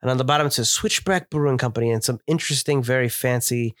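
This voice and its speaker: A man's voice: mid-range voice, fast talker, a bit bright, dry recording. A man chats eagerly about what he sees, his voice a little stuffed up from a cold. He sits in an ordinary mid range for a man and is recorded close with no room sound around him. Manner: chatty, descriptive, enthusiastic. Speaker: podcast co-host reviewing beer. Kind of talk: casual chat.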